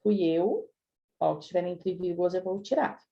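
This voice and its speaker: A woman's voice: on the low side, normal speed, dark tone, muffled recording. A woman teaching a live online grammar review class, chatting with her students and often checking in with them. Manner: chatty, addresses students directly with frequent "né?". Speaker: Portuguese language teacher.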